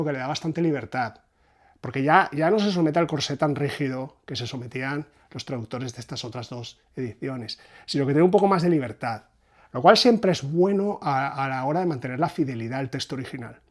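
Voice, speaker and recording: Higher-voiced man explaining verse. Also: animated, fairly quick. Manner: thoughtful, hesitant, often restarts phrases. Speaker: literary translation reviewer. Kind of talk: unscripted explanatory talk.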